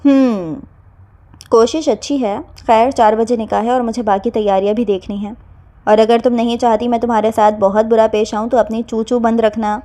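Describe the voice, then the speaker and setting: A woman's voice: fairly high pitch, fairly even intonation, warm tone, natural voice. A woman voicing a domineering young man who speaks coolly and firmly. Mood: stern. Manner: cool, firm, commanding.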